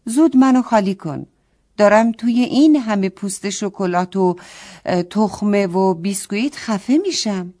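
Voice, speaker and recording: A woman's voice: mid-range voice, warm tone, lightly acted. A woman voicing a grumpy, scolding talking backpack in a children's story, complaining about the trash put inside it. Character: scolding orange backpack, grumpy then kind.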